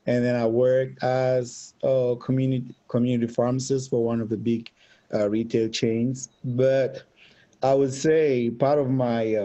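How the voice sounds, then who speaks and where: Low, flat-voiced man from Cameroon, lo-fi. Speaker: guest pharmacist. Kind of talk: casual interview. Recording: dull lo-fi sound.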